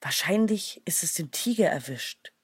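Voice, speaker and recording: A woman voicing a gruff, wary father wolf in a children's storybook, speaking curtly. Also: on the low side, expressive, moderate pace, dry recording, clean studio sound. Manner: gruff and curt.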